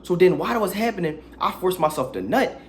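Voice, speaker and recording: A man's voice: high-pitched, expressive, fast, a little hiss or hum. A young man telling a crude, slangy story in a casual storytime vlog, with dramatic asides.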